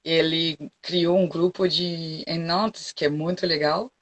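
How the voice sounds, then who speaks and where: Frank French woman, lowish voice. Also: fairly even intonation, takes it slowly. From France. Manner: frank, chatty, often checks in with "entendeu?". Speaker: guest, forró dance teacher. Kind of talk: casual interview chat.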